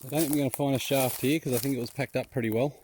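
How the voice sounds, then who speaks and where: Racing through his words, a New South Wales man vlogs from the Australian bush about exploring abandoned mines. His mid-range voice is a little mellow and fairly even in intonation, and the tone is laid-back, informal, slangy and self-deprecating. There's slight background noise.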